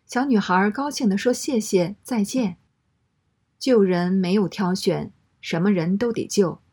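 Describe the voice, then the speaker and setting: A woman reading a first-person story aloud in a steady, matter-of-fact way. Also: mid-range voice, normal speed, breathy edge.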